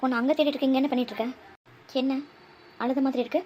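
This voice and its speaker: A woman's voice: high-pitched, steady tone, quick pace, mellow, a little hiss or hum, natural voice. A woman voicing a middle-aged mother who firmly questions and scolds her daughter. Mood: scolding. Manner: probing, scolding, firm. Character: probing middle-aged mother, stern and watchful. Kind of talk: cartoon voice acting.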